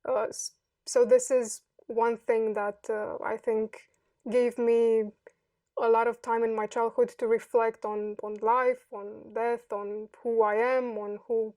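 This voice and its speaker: A woman in her thirties from Romania, giving reflective interview answers in a thoughtful, hesitant way with many pauses. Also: on the high side, little pitch movement, a little mellow, no room sound, recorded from a distance. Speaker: podcast guest.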